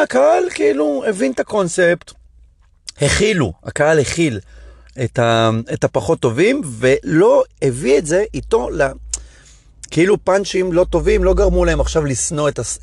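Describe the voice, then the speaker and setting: A man's voice: fairly high pitch, creaky, slightly rough, no room sound. Rambling man with a dry voice. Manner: rambling, animated, many restarts. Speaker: stand-up comedian podcast host. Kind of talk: casual monologue.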